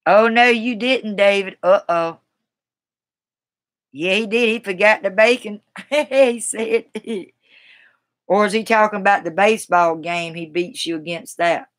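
Speaking unhurriedly at a medium pitch, this livestream host chats with and answers her viewers from a small room at home, captured on a webcam. She's middle-aged, from South Carolina, with a Carolina Southern accent and a rambling, folksy, colloquial style.

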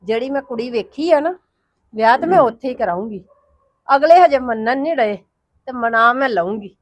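A woman's voice: fairly high pitch, expressive, normal speed, no echo, lo-fi sound. An actress playing a wronged woman who answers her family's taunts with bitter resignation, speaking. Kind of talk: Punjabi family drama acting.

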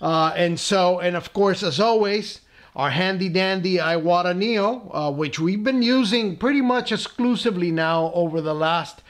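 A man hosting a casual scale-model painting tutorial at his workbench, relaxed and full of "uh" fillers and friendly asides. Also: high-pitched, normal speed. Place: tabletop workbench indoors.

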